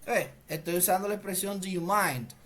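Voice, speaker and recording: A man whose first language is Spanish, teaching an English grammar lesson slowly and deliberately, repeating phrases and often clearing his throat. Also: sits high, a bit bright.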